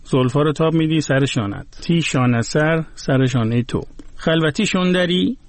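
A man's voice: medium pitch, no echo. A man talking on a radio program, patiently explaining word origins one by one. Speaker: guest expert on languages.

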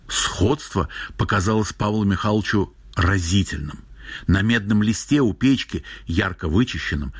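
Low husky male audiobook narrator. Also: no echo. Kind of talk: audiobook narration of literary prose.

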